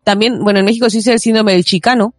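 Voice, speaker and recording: Mexican woman, lively storyteller. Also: mid-range voice, quick pace, no echo, studio quality, faint music behind. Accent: Mexican, with some Spain Spanish. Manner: lively storyteller, acts out quoted people. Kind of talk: casual chat.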